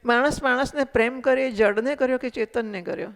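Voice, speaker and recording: A woman teaches spiritual philosophy. She has a gravelly edge to her voice and asks her listeners questions as she explains. The sound carries a long echo from a large hall. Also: on the high side, a little fast. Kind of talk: Vedanta discourse. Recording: echoey hall recording.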